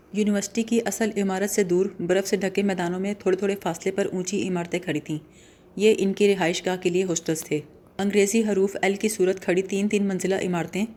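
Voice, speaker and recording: Calm mellow woman reading a novel aloud. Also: medium pitch. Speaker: audiobook narrator. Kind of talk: scripted novel narration.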